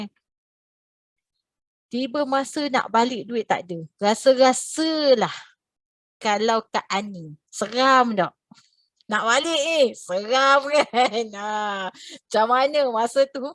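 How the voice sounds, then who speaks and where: A woman from Malaysia, a religious teacher, telling a story to her class over a video call in a lively, expressive way. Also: no echo. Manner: animated, expressive, swings in pitch and loudness.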